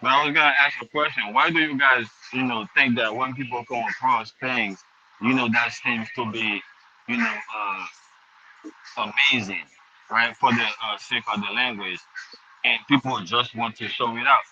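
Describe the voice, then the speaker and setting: A man on a group voice call whose mic sounds hollow, like he is in a tunnel. He asks halting questions padded with "you know". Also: medium pitch, steady tone. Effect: hollow echoing tunnel sound on his mic. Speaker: caller on a group voice chat. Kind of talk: casual chat. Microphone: headset or computer mic on an online call. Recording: muffled lo-fi call audio with clear noise.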